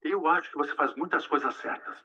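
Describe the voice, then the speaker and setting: A man dubbing a film role of a calm, courteous older male intern who speaks in a gentle, measured, polite way. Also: a little high, breathy edge, far from the mic, highs cut off. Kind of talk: dubbed film dialogue.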